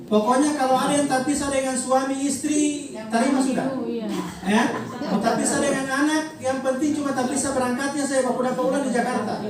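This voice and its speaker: A travel agency director with a North Maluku accent, briefing a group of pilgrims at a send-off event, explaining with many pauses, fillers and repeated details. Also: high-pitched, flat delivery. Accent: North Maluku (Ternate Malay). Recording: very echoey hall, distant mic, crowd behind.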